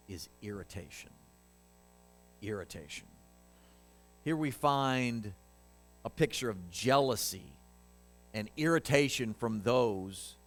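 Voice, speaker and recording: A man preaching a sermon in a church, conversational and emphatic, often asking the congregation questions. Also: mid-range voice. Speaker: pastor.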